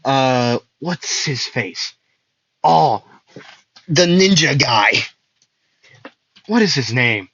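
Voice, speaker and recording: A man's voice: mid-range voice, animated, extremely slow, pauses often, fairly bright tone. A young man improvising a fan-fiction story, rambling with many fillers and self-corrections. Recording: dull lo-fi dry recording.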